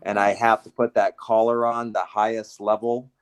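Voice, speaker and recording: A dog trainer with a fairly low voice tells his field stories in a loose, rambling way, stopping for ums and starting his sentences over. He talks like a guest in a casual chat. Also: normal speed, smooth. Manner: relaxed, rambling, many fillers and restarts. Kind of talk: casual podcast storytelling.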